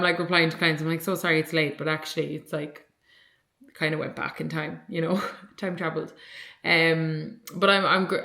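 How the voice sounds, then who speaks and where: A woman's voice: fairly low pitch, fairly bright tone. Chatty Irish woman in an echoey room. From Ireland. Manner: chatty, rambling, lots of "like" fillers. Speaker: vlogger and online coach. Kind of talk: casual vlog chat. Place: at home, indoors.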